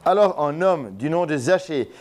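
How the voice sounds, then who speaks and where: A man's voice: on the high side, lively intonation, moderate pace, a little mellow. A man preaching an informal sermon, joking and putting questions to his congregation at a church gathering in a café. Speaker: pastor.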